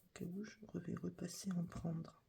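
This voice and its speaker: A woman reading a supermarket catalogue aloud as whispered ASMR, with a breathy whisper and soft, chatty asides. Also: on the low side, steady tone, unhurried, slight background noise. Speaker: catalogue reader.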